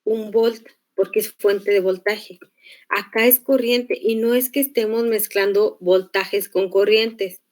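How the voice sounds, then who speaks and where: A woman teaches an online class at an unhurried pace, laying out each point patiently. She pauses to check that her students follow, and her voice sits in an ordinary middle register. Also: medium pitch, fairly even intonation, a little mellow. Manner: slow, patient explaining with check-in questions. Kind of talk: online class lecture on electric circuits.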